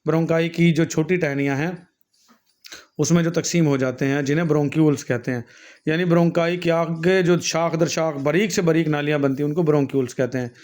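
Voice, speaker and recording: Man, anatomy teacher, patient lecture, fillers and restarts, slightly high voice. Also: steady tone, brisk, a little mellow. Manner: patient, calls students "beta" often; frequent fillers and self-corrections. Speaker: nursing and health teacher. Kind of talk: classroom lecture with diagrams.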